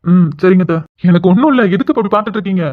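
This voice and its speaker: A cartoon young man speaks quickly and reassuringly, shrugging off fuss. A woman acts him out. His voice comes through thin and tinny, like over a phone. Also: medium pitch, pitched below the performer's own voice, close to an everyday voice. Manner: reassuring, brushes off concern. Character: calm young man, grown son.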